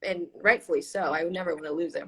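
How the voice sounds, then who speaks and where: An actress who grew up in Miami speaking Spanish as her first language guests on a casual live stream, chatting expressively and thinking out loud. Her voice is low-ish, steady in tone, pushed and bright, and she talks quickly.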